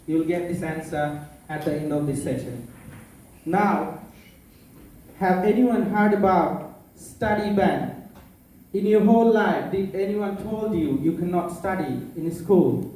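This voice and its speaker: A man's voice: sits high, dark tone, a little hiss or hum. Bangladeshi man speaking in an echoey conference room. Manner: earnest, non-native phrasing, playful asides. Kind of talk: public speech. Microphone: far from the mic. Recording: echoey room, mic far off.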